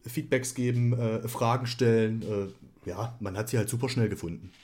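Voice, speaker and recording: A man chatting casually on a podcast, teasing drily in a halting delivery. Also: on the low side, steady tone, a little mellow. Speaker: podcast participant. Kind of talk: casual, joking chat.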